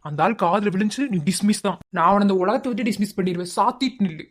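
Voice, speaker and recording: A woman's voice: mid-range voice, fast talker, lightly acted. A woman voicing a cheeky, wisecracking male college student who mocks his elders. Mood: sassy. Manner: mocking back-talk.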